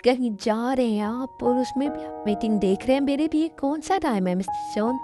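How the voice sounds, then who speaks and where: A woman's voice: on the high side, moderate pace, over music, close to an everyday voice. A woman voicing a sulky young wife in an amateur Hindi dubbed drama, speaking in a complaining, reproachful way.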